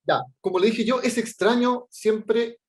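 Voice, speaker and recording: A man's voice: very high voice, background noise. A middle-aged man with a Chilean accent, an artist and teacher presenting his work informally over a video call, hesitant, with many fillers and frequent check-ins. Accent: Chilean Spanish. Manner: halting, many fillers and restarts, keeps checking in with "¿ya?". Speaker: artist and teacher giving a workshop talk.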